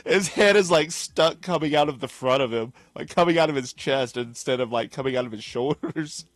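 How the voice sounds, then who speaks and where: A man's voice: mid-range voice, fairly quick, no echo. A man giving sarcastic, laughing commentary over a video, mimicking the person in it.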